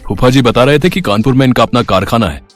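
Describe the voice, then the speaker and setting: A man's voice: mid-range voice, fast talker, soft background music, close to an everyday voice. A man voicing an easygoing middle-aged father with a jovial, teasing manner.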